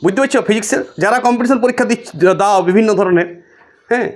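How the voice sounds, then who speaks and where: A middle-aged male teacher talks fast and pitched high. He works through exam problems and keeps asking his students questions. He answers each one himself before moving on. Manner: explains with rhetorical questions to students. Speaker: physics teacher. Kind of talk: classroom lecture.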